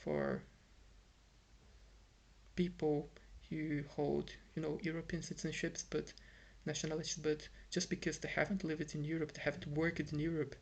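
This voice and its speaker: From his home in Ireland, a young Brazilian vlogger whose first language is Portuguese speaks English with a Brazilian accent at a moderate pace. His fairly high voice shows vocal fry and little pitch movement, and the casual monologue is frustrated and rambling, with fillers and restarts.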